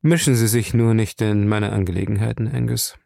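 A man's voice: on the low side, steady tone, fairly quick, gravelly, warm tone, dry recording, clean studio sound. A man reading an audiobook voices an impatient former soldier turned police captain who speaks in a clipped way. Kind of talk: audiobook character voice.

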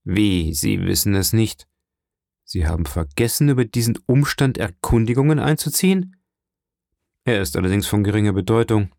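A man voicing an indignant aging French king in an audiobook reading, asking sharp, imperious questions. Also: lowish voice, expressive, moderate pace, vocal fry, no room sound, studio quality. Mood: commanding.

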